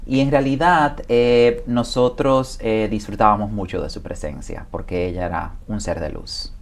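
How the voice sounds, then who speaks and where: Low-voiced man from the Dominican Republic. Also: moderate pace, creaky. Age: 40s. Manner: hesitant, many fillers, warm remembering. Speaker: guest. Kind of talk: interview testimony.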